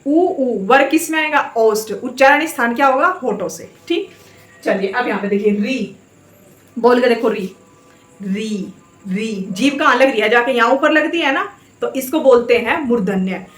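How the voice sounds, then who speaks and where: A woman teaching a Hindi lesson, repeating vowel sounds aloud and asking her students quick checking questions. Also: a little high, echoey room, soft background music. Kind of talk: classroom lesson on vowel articulation.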